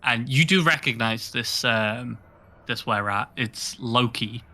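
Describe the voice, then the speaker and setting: A man narrating a tabletop game as game master, playfully slipping into excited character voices. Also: medium pitch, slow, soft background music.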